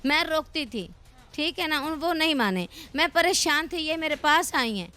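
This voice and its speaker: A woman's voice: sits high, expressive, bright, forceful tone. A middle-aged woman who runs a religious school, explaining her grievances at length in a news interview. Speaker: madrasa head.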